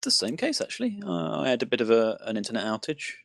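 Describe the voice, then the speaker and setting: Gravelly British podcast host, lively. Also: male voice, mid-range voice, fast, no echo. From United Kingdom. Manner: relaxed, chatty, self-deprecating. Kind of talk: casual podcast chat.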